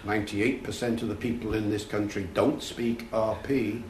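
A man's voice: fairly low pitch, fairly even intonation, normal speed, darkish tone, reverberant, a little hiss or hum. A man giving a public talk to an audience, explaining things and telling anecdotes, with occasional fillers. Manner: explanatory, storytelling, uses fillers. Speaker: festival speaker on language. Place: room with an audience.

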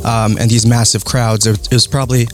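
A man with an average-pitched voice talks on a podcast. He sounds articulate and analytical in casual discussion, with faint music behind. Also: level tone, a little fast. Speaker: podcast team member.

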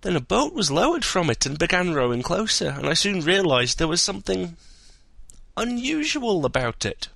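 A man doing a high, excitable tall-tale teller. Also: normal speed, vocal fry, no echo, studio quality, exaggerated voice. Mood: excited. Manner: breathless, rising to high excited pitch. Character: excitable adult man spinning a wild tale.

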